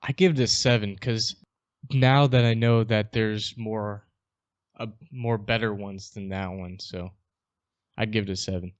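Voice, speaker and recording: A man's voice: lowish voice, fairly even intonation, a little slow, dry recording, highs cut off. A young man co-hosting a podcast in casual chat, laid-back with dry teasing. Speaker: podcast co-host.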